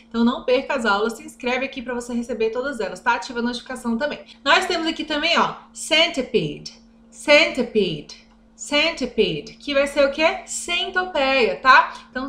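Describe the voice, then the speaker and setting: Brazilian woman teacher, high voice, lively online lesson with word drills, roomy echo. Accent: Brazilian Portuguese. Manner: upbeat, chatty, slows down to drill English words. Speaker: English teacher.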